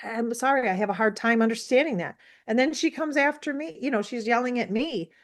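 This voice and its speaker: A woman in her sixties from the United States, telling a story as an interview guest in an animated, rambling way with many fillers. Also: on the high side, fairly quick. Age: 60s. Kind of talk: casual storytelling.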